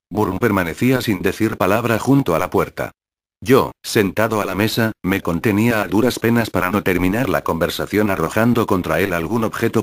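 Male narrator, audiobook reading, deep low voice, dry close-miked sound, measured and steady. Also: no echo. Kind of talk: scripted narration, first-person memoir reading.

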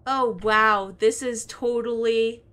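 A woman co-player chatting casually in a soft-spoken way. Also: a little high, fairly even intonation, takes it slowly, smooth. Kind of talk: casual gaming chat.

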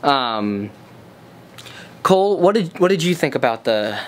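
A man casually chatting in a studio vlog, testing and comparing microphones, excitable and full of restarts. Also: mid-range voice, measured pace. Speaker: vlogger. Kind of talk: casual gear-review chat. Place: studio room. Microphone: studio condenser mics, swapped between models.

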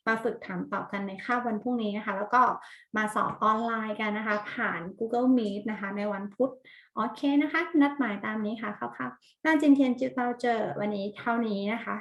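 Patient woman teacher with a gravelly voice. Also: mid-range voice, steady tone, reverberant, lo-fi sound. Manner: patient, repeats words slowly and clearly; gentle, addresses pupils as children. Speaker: Chinese teacher for children. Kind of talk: online lesson narration.

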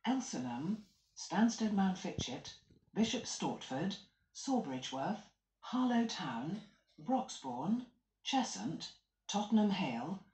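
A recorded onboard announcer reading out stations over a train's intercom, slow and measured. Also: mid-range voice. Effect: played over a train's intercom speakers. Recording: echoey carriage loudspeaker.

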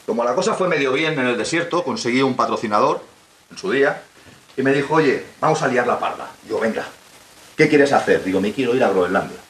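A man's voice: mid-range voice, lively intonation, fairly quick, fairly bright tone. Guy giving a talk to kids, lots of rhetorical questions, echoey hall, bit of hiss. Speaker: guest speaker. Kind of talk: motivational talk to young audience. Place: local hall with audience. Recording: roomy hall, faint background hiss.

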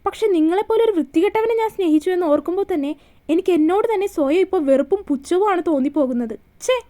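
A woman's voice: very high-pitched, animated, fast talker, mellow. A woman voicing a frightened but defiant young woman held captive, speaking in anger through pain. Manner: defiant, pained.

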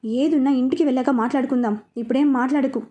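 A woman's voice: sits high, steady tone, quick pace, mellow, lightly acted. A woman doing a stern scolding grandmother. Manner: scolding, commanding.

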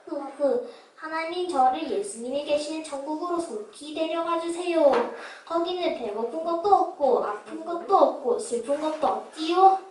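A woman's voice: high voice, moderate pace, few pauses, darkish tone, natural voice. A woman playing a humble, sickly, pious beggar in a children's puppet play, pleading earnestly. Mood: fading, devout. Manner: pleading, meek, earnest, declamatory. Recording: roomy, distant miking with background hiss.

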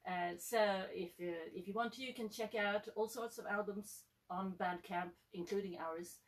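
A woman's voice: medium pitch, normal speed. Swedish woman co-hosting, hesitant. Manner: friendly, hesitant with fillers. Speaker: musician and concert co-host. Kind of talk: casual stage chat. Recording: from a distance.

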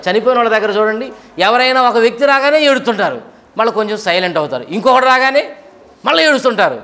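A man's voice: extremely high pitch, lively intonation, very fast, sharp tone. A middle-aged man from India preaching a sermon, asking questions and pressing his points with rising and falling intensity. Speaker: pastor.

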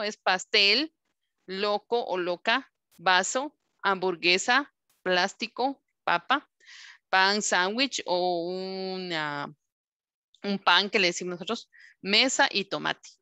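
A woman leads an English lesson. She talks slowly and patiently, repeating each word and checking that the class follows. Her voice is bright and clear, recorded dry and close. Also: mid-range voice, no room sound. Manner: slow, patient drilling of words, checking in with ¿sí?. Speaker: English teacher.

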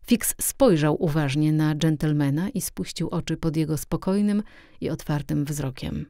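A woman narrating a classic novel as an audiobook, expressive and steady, on a close mic. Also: deep voice, normal speed, no echo. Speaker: audiobook reader.

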